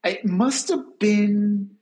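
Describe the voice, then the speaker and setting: A man's voice: high-pitched, very slow, a little mellow. A man co-hosting a podcast, musing aloud with questions and loose, restarting phrases. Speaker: podcast co-host. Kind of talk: casual chat reviewing a TV episode.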